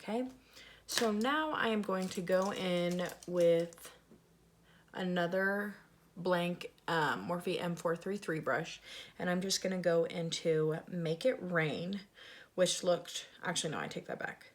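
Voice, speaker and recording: A woman's voice: on the low side, slow pace. A woman with a lisp that makes her s sounds slushy, chatting casually and self-deprecatingly as a beauty vlogger reviewing makeup.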